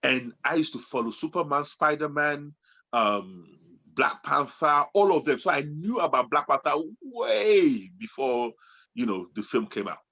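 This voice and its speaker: Late-40s guy chatting, husky bright voice, lively pitch, kinda muffled recording. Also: unhurried. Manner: animated, swings between loud excitement and low musing. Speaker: podcast co-host. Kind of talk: casual chat. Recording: dull lo-fi sound.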